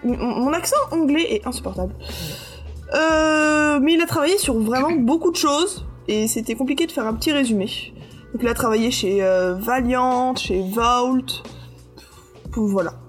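A woman's voice: sits high, moderate pace, faint music behind. A woman presenting her research on a podcast in a hesitant way, with many fillers and restarts. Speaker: podcast co-host presenting research on comic creators. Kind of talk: casual podcast chat.

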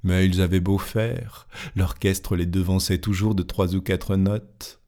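A man reading a classic fantastic tale aloud in a measured, expressive way, lingering over descriptions. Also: sits low. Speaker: narrator.

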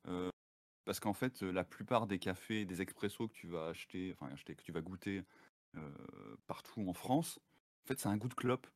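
A man with a fairly low voice chats casually as a guest on a live stream. He laughs often and keeps dropping English words into his sentences. The sound is dry and close, with no room around it. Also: normal speed, dry recording.

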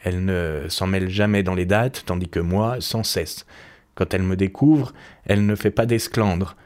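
A man's voice: low voice, fairly even intonation, normal speed, natural voice. A man reading aloud and voicing a cynical, witty English aristocrat with a languid, ironic manner. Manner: languid, ironic, quietly amused.

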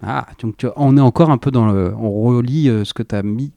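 A male radio host introduces records in a loose, chatty way, tossing in slang and little laughs as he goes. His voice is mellow and warm, sitting at a middle pitch. The sound is close and dry, with no room around it. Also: fairly quick, gravelly, no echo. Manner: chatty and enthusiastic, with laughing asides and slangy phrasing. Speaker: radio music show host. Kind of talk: casual chat presenting records.

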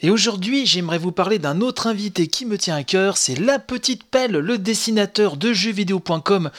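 An adult married man hosts a casual spoken video game press review as a news show host, chatty and opinionated with plenty of asides and fillers. His voice is high, animated, brisk and fairly bright.

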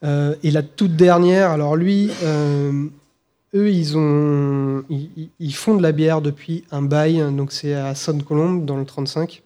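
A man's voice: on the high side, fairly even intonation, unhurried, dark tone. A man, co-hosting a live podcast and presenting whiskies in a hesitant, casual way, full of fillers and restarts. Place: live event recording.

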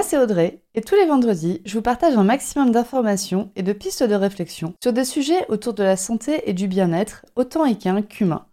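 A woman's voice: medium pitch, warm tone. A woman hosting her own podcast, chatting in an upbeat, humorous way with frequent fillers and restarts. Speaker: podcast host. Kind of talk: solo podcast talk.

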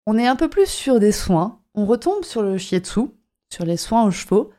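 A woman's voice: medium pitch, very animated, normal speed, warm tone. A woman hosting her own podcast as a horse shiatsu practitioner, chatting casually and often repeating and rephrasing herself. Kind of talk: casual solo podcast talk.

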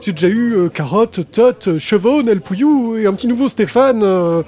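A fawning waiter, put on by a man, polite and then grovelling in a comic podcast sketch. He talks in a fairly high voice that he pushes a little lower for the part. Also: expressive, moderate pace, mellow. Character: fawning male restaurant waiter.

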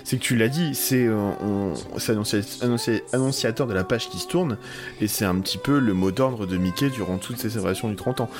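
A man's voice: lowish voice, fairly quick, music in the background. A man guesting on a casual podcast, talking in long, rambling runs with many restarts.

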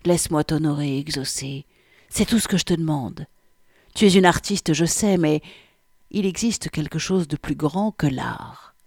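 A woman's voice: sits low, measured pace, darkish tone, slightly rough, dry recording, studio quality, full character voice. A woman reading aloud, voicing a brazen young man who talks in a smug, wheedling way. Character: cocky aroused young man pleading.

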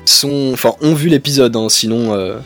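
A man with a middle-pitched voice drops measured, wry comments into a casual podcast chat. Faint music plays under the conversation. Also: fairly bright tone.

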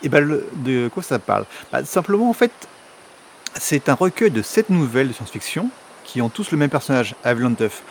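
A man's voice: medium pitch, big pitch swings, fairly quick, a little hiss or hum. A man co-hosting a podcast in casual chat, explaining things in a chatty way with fillers. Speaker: podcast co-host.

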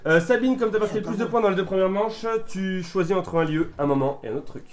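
A man hosting a casual quiz among friends, reading questions and scores briskly and laughing often. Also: sits high, a little hiss or hum. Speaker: quiz host. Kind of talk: casual game-show hosting. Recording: lively crowd of friends behind.

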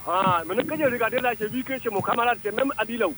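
Excitable man calling in over the phone. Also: very high-pitched, very fast, a little hiss or hum. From Burkina Faso. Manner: excitable, exclaiming, broken French. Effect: heard over a phone line. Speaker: caller. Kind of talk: phone-in radio chat.

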